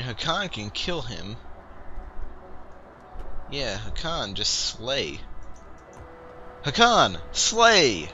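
A young man hosts a casual let's-play video, his mid-range voice sharp and wry as he barks playful orders at the characters. Chiptune music plays and a shower runs in the background, and the audio is dull with slight background noise.

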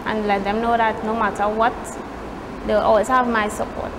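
An eighteen-year-old woman with a Trinidadian accent gives poised, measured answers as a contestant in a pageant interview. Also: fairly high pitch, little pitch movement, background noise. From Trinidad and Tobago. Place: indoor studio set with pageant backdrop.

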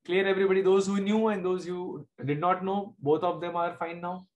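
A middle-aged man with an Indian accent teaches a live online maths class from his desk indoors via screen-share video, keeping it informal and checking understanding with short questions. His voice is high, fairly quick, with little pitch movement.

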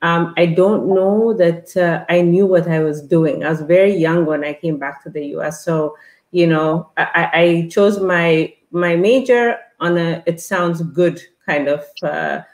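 A woman's voice: fairly low pitch, unhurried, reverberant. A middle-aged woman from Ethiopia, a guest on an online interview, talking with many fillers and restarts over an earbud headset. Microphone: earbud headset on a video call.

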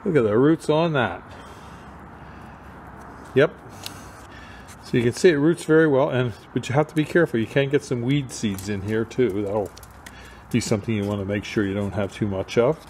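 A man's voice: medium pitch, moderate pace, pauses often, a little mellow, slight background noise. A man showing how he grows plants from cuttings, explaining in a plain, casual way with the odd filler. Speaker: farm grower. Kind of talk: casual demonstration.

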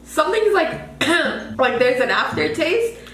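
A woman's voice: high-pitched, big pitch swings, a little slow, a bit bright, slight background noise. A woman in her twenties with an American accent, giggly and exclamatory in slangy, casual banter. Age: 20s. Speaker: challenge video co-host. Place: home kitchen, indoors. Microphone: camera a few feet away. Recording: echoey room, faint music behind.

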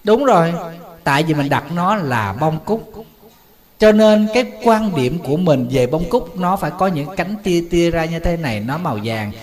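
A man's voice: on the high side, animated, normal speed. A man, a Buddhist monk giving a sermon in a folksy way, often asking the audience questions.

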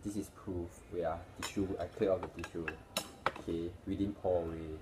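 A man's voice: sits low, steady tone, normal speed, echoey room. A young man chatting casually to camera, his mouth burning from spicy food. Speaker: food challenge vlogger. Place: indoor living room at table. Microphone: device camera on table, arm's length. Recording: noisy room, clattering dishes.

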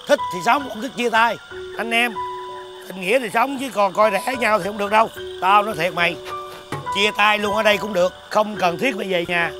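A man's voice: sits high, lightly acted. A man playing a touchy, grumbling freeloading friend. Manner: blunt, aggrieved, lecturing. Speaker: actor in a music-video comedy drama. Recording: music score under dialogue.

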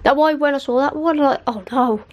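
A woman with a high-pitched voice talks a little fast, chatting in a rambling, giggly way. She's vlogging from her bedroom at night on a handheld camera.

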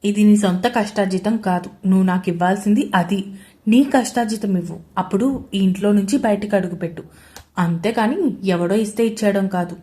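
A woman voicing an arrogant, teasing young husband in a loud, taunting way. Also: medium pitch, moderate pace, lightly acted. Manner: louder, taunting delivery.

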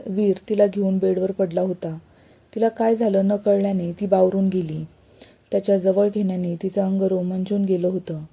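Woman storyteller, romance narration, dark mellow tone, husky breath. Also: mid-range voice.

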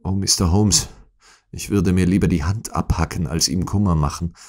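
A man's voice: low voice, steady tone, moderate pace, a little mellow. Man voicing a pleading distraught noblewoman. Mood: desperate. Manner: pleading, breathless, emotional. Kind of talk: audiobook character reading.

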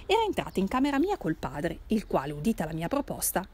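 Expressive woman reading a novel aloud. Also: fairly low pitch, fast. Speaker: reader.

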